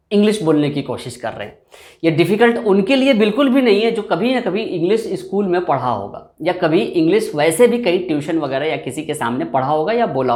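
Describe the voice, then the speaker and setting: A man's voice: high voice, a little mellow. A man teaching an English lesson, patiently explaining and drilling example phrases over and over while working at a board. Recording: echoey room.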